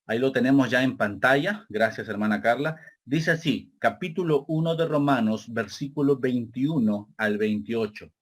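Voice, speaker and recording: A man with a Peruvian Spanish accent preaching a sermon, repeating phrases and calling listeners brother, slowing down for key points. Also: medium pitch. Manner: slows down deliberately for key points.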